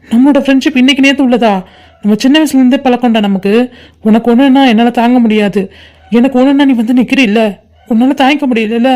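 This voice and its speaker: Give me a woman playing a caring young man in a cartoon, slightly high and warm-toned, consoling his best friend. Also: lightly acted. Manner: consoling, affectionately scolding. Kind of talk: cartoon voice acting.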